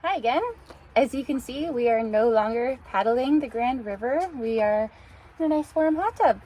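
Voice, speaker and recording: A woman's voice: fairly high pitch, unhurried, warm tone, slight background noise, poor audio. A woman co-hosting a kayaking vlog, speaking earnestly and from the heart in casual chat.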